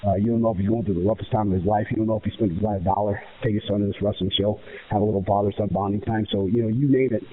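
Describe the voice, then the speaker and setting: American male wrestler interviewee, emphatic and repetitive, quick delivery, heard through a thin phone-like line. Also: lowish voice, steady tone, a little hiss or hum. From United States. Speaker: professional wrestler being interviewed. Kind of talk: spoken interview answers. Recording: muffled, narrow phone-like radio sound.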